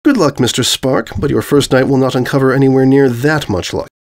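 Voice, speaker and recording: A man voicing a stately, grave pony princess with formal, measured, dry speech in a comic story. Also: mid-range voice, fairly even intonation, natural voice. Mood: composed, formal.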